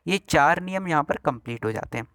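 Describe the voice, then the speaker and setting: A man teaching a grammar lesson, repeating each rule and slowly spelling out examples one by one. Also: a little high, animated, a bit bright, no room sound, clean studio sound. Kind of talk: classroom lesson explaining rules with examples.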